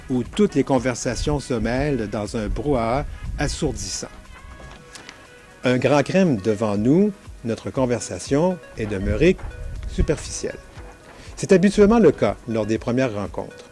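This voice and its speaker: A man's voice: mid-range voice, dark tone. Wry Québécois man reading his story. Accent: Québécois French. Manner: wry, self-mocking storytelling. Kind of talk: literary reading.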